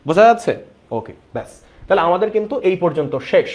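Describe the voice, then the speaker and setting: A male biology teacher runs an online class, his voice sitting a little higher than most men's. He explains each point step by step and keeps turning to his students with questions. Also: expressive, quick pace, darkish tone.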